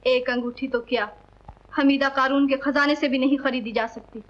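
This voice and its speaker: A woman's voice: high voice, steady tone, normal speed, natural voice. An actress playing a proud, wronged young woman in a 1940s film, with formal, dignified diction. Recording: dull old film soundtrack.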